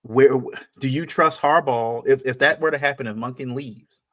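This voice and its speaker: A man co-hosting a sports talk podcast at a mid-range pitch. He speaks casually but with emphasis, driving his points home through repetition. He often stops and restarts his sentences. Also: normal speed, fairly bright tone.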